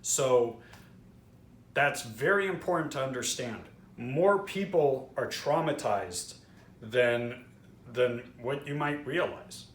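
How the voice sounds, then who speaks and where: A man's voice: medium pitch, fairly bright tone. A man from Israel, host of a trauma-healing channel, candidly explaining with frequent fillers and restarts. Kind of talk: earnest explanatory talk to camera. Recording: roomy echo with faint background noise.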